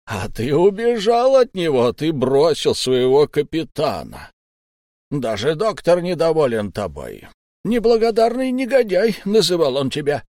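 A man voicing a sly, smooth-talking old pirate captain whose mock friendliness hides a threat, in an audiobook. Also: fairly high pitch, big pitch swings, unhurried, dark tone, no echo, clean studio sound, pitched above the performer's own voice. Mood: coaxing. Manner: mock-friendly, coaxing, menacing underneath.

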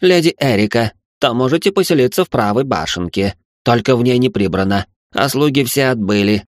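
A woman's voice: extremely low pitch, lively intonation, fairly quick, dry recording, clean studio sound, pitched below the performer's own voice. A woman voicing a stiff, disapproving male butler in a formal, reproachful tone. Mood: warning. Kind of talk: audiobook character voice.

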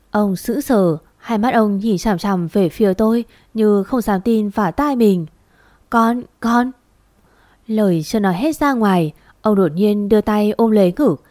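Female narrator for a spoken story, middle-pitched voice, steady even delivery, dry close recording. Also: no echo.

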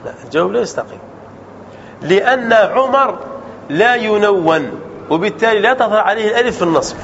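A man teaching an Arabic grammar lesson as a sheikh, explaining rules and quizzing his students with quick questions. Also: high-pitched, lively intonation, gravelly, fairly bright tone. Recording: dull lo-fi sound with faint noise.

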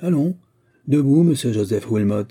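A dogged veteran police agent from a storybook, commanding and hard, as a man reading aloud plays him. His lines come louder and higher than the narration, over a dark, husky timbre. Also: animated, moderate pace, natural voice. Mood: stern. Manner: stern, commanding.

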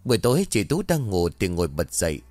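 Male ghost-story narrator, steady and low, dry recording. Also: fast, dry recording.

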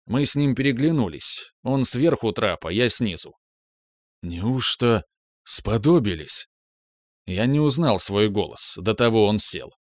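A man narrating a first-person novel in a measured, expressive way. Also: lowish voice, dry recording, clean studio sound. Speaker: audiobook narrator.

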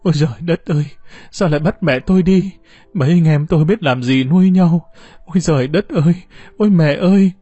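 A man's voice: on the high side, brisk, warm tone, husky, no room sound, lo-fi sound, soft background music, voice pushed up. A man voicing a desperate, starving teenage girl who wails and sobs for her dead mother. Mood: wailing grief. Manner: wailing, sobbing lament.

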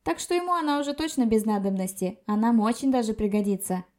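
A woman's voice: on the high side, quick pace, a little mellow, natural voice. A woman voicing a carefree young witch and potion maker who banters in a chirpy, flippant way.

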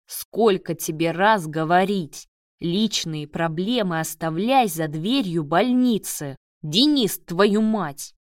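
A woman reading the part of an angry male head surgeon who shouts and scolds. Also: fairly low pitch, a little slow, few pauses, no echo, clean studio sound, far from the mic, lightly acted. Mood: furious.

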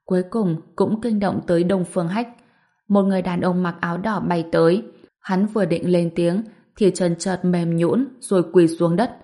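A woman narrating an audiobook in a steady storytelling manner. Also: lowish voice, normal speed.

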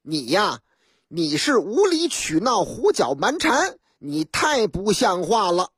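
A woman's voice: medium pitch, very animated, slow, husky, dry recording, studio quality, full character voice. A woman with a Beijing accent voicing a sly young wife who teases and gloats in a smug, chuckling way. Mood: scolding.

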